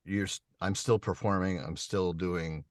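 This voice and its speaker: A man who narrates audiobooks, with a very low voice, talking over a video call. He explains his process in a measured way and pauses for ums. The sound is close and dry. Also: fairly even intonation, no echo. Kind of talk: answering questions on a video call.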